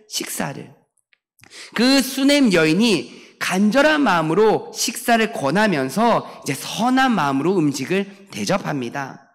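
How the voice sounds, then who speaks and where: A man preaching a Sunday sermon as pastor, telling stories in a playful, emphatic way and having the congregation repeat after him. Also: high-pitched. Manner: storytelling, playful and emphatic, leads the congregation in call-and-response. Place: church sanctuary. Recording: church hall with long reverb.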